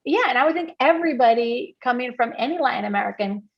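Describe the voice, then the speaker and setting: In a candid interview, a Puerto Rican woman appears as a guest and speaks earnestly, often restarting and using fillers. Her voice is fairly high and expressive, she talks fast, and the audio sounds dull.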